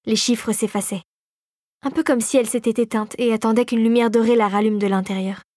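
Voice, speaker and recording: A woman narrates a storybook in a calm, measured way. Her voice sits a little high for a woman. The sound is dry and close, with no room echo.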